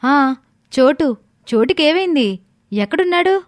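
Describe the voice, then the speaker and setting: Woman as anxious young friend, high voice, dry close sound, worried questions, cartoon story. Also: animated, a little slow, no room sound. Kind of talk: animated storybook voice acting.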